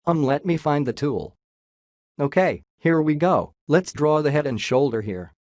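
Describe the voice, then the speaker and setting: A man's voice: a little high, lively intonation, unhurried, darkish tone, dry recording. Man, robot voice filter, chart analyst, jokey casual talk, dry close sound. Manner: jokey, says "lol" aloud. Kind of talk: casual screen-share chart walkthrough.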